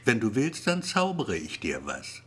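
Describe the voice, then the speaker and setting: A man with a husky voice voicing a cheeky young fairy girl dressed as a clown, bold and sassy. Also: mid-range voice, huge pitch swings, a little slow, exaggerated voice. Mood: playful. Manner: bold, sassy, swears when frustrated.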